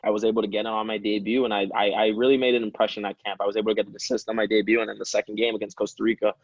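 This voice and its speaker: Racing through a casual interview, a young pro soccer player in his early twenties rambles and laughs often in a relaxed way. His voice leans low, with no echo and a dull sound.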